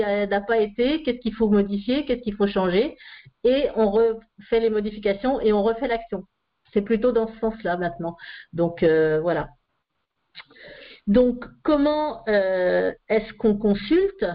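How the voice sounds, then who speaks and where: A woman explains her ideas to an online group, pausing often with fillers as she goes. Her voice sits at an ordinary middle pitch, and the video call makes it sound muffled. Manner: hesitant, with frequent "euh" fillers. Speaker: session leader.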